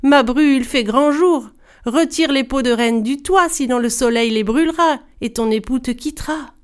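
A woman's voice: on the high side, fairly quick, natural voice. A woman voicing a stern, grieving old mother-in-law who calls out warnings, in a storybook reading. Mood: urgent.

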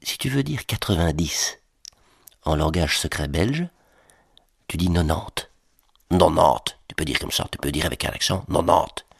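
A deep, lively man teases his young listeners with playful, deadpan asides. His pitch bounces a great deal, and the recording is close and dry. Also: moderate pace, husky, no echo. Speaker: comic presenter. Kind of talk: comic explainer to children.

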